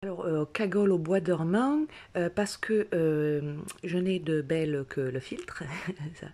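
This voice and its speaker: A comedian tells a stand-up style story from her bed at home, playfully exaggerating a put-on southern French accent. Her voice is lowish, slow and dark.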